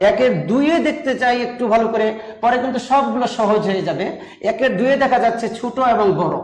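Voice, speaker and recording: A man with a fairly high voice gives a step-by-step grammar lesson. He poses questions to the class and answers them himself. The sound is roomy and echoey. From Bangladesh. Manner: patient explaining, asks rhetorical questions, chants rhymes. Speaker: teacher.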